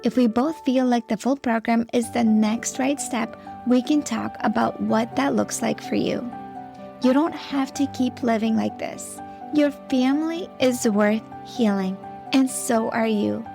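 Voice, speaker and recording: A Latvian-born woman in her thirties whose first language is Russian hosts a casual solo podcast as an anger coach for moms, chatting in an earnest, encouraging way. Her fairly high, gravelly voice takes its time. Music plays beneath her.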